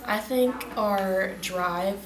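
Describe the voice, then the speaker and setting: A woman's voice: mid-range voice, very slow. A teenage girl, a graduating student, chatting about school years and laughing between thoughts. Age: teens. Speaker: graduating student, class historian. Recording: echoey room, distant mic.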